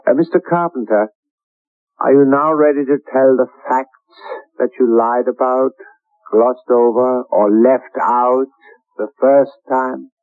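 A man's voice: mid-range voice, steady tone, slow pace, no room sound. An actor playing a stern male doctor who firmly interrogates a patient. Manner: firm, interrogating. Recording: tinny old radio broadcast.

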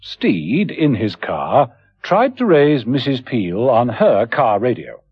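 Animated male radio serial narrator. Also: medium pitch, slow pace. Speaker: drama narrator. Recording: dull vintage radio recording.

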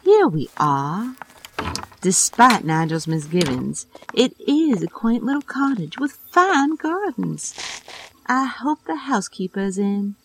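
A woman playing a bright, polite young American lady in a period audio drama, speaking directly. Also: medium pitch, very animated, slow, a little hiss or hum, low-quality recording. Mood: polite, exasperated.

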